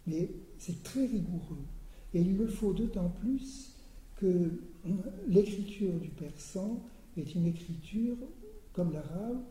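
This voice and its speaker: Older man, academic lecture, slow and halting, dark mellow voice, roomy hall echo. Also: sits high. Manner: hesitant, repeats words, often clears throat. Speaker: lecturer on Persian poetry.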